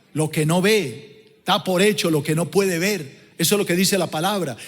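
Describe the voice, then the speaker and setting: A man, preaching a dramatic sermon as pastor and acting out scenes. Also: sits high. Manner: dramatic, acts out scenes with voices. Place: large church auditorium. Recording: long church-hall reverb.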